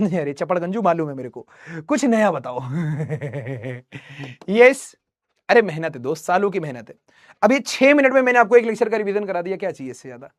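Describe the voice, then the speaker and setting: A man's voice: high voice, sing-song, normal speed, no echo, clean studio sound. A young man teaching math live online, teasing students and reading their chat messages.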